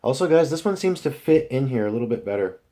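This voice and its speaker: A man's voice: medium pitch, expressive, fast, warm tone. A young man rambling casually to his viewers, full of fillers and restarts. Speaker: vlogger. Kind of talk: rambling casual vlog chat.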